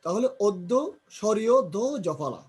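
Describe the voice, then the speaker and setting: A man teaching a grammar lesson, slowly drilling pronunciation, repeating example words and asking and answering his own questions. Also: sits high, expressive, dark tone, breathy edge.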